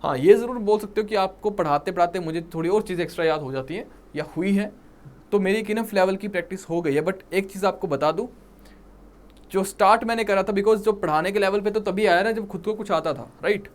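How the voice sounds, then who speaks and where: A man with a Punjabi accent teaching English vocabulary for an exam, mixing Hindi and English and often checking in with his students. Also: high voice. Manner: mixes Hindi and English, checks in with "ठीक है?" and "right?"; repeats words slowly for emphasis. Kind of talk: exam-prep vocabulary lecture.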